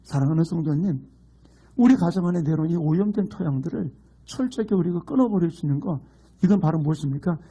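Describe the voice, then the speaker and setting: Middle aged pastor guy, soft dark voice, preaching then slipping into homey jokey stories. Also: on the high side, slightly rough. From Gangwon Province, Korea. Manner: emphatic preaching mixed with humorous folksy storytelling. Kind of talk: sermon.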